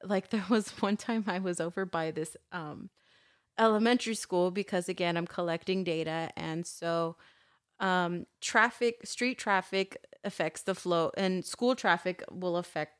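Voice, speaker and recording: A woman's voice: on the low side, fairly even intonation, a little slow. A woman co-hosting a casual podcast, telling stories with lots of swearing and frequent laughter. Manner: profane, storytelling, laughs often. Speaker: podcast co-host.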